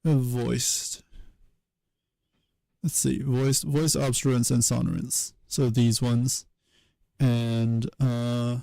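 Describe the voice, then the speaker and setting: A man streaming as he works through a linguistics problem, thinking aloud in a hesitant, wry way with many pauses. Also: mid-range voice, flat delivery, creaky, warm tone, no room sound. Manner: hesitant self-talk with many pauses and fillers.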